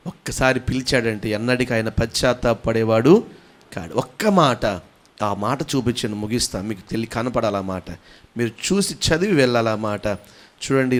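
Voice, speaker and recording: A man preaching a sermon, swinging from loud fervent calls to low quiet lines. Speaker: pastor.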